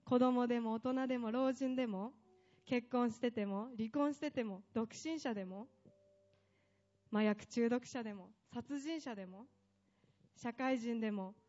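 A woman's voice: a little high, unhurried, mellow, lo-fi sound. A woman preaching a sermon with impassioned delivery, building up long emphatic lists.

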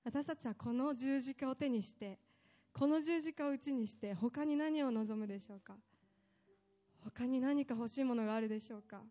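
A woman's voice: sits high, moderate pace, dark tone, highs cut off, soft background music. A woman preaching a sermon with impassioned delivery, building up long emphatic lists.

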